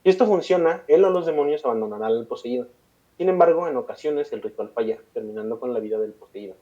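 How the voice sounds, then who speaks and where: A man's voice: mid-range voice, animated, quick pace, warm tone. A man with a Mexican accent, a podcast co-host reading a scripted segment between casual banter. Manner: reads long passages, breaks into slangy chat. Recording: dull lo-fi podcast audio.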